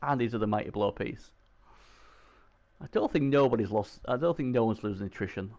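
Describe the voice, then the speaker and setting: A man giving casual, excitable commentary on a video game match, often repeating himself. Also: medium pitch, brisk, creaky.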